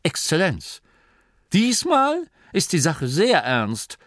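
A man's voice: fairly high pitch, wildly swooping pitch, slow, a bit bright, dry recording, clean studio sound, voice pushed up, full character voice. A man voicing an earnest male gnome inventor who speaks in a raised, formal and insistent way in a storybook reading. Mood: stiffly insistent.

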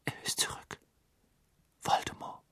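A male audiobook reader voicing a stunned, injured teenage boy who speaks in a faint, breathy whisper, recorded close and dry. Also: a little slow, bright, forceful tone, no room sound. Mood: dazed.

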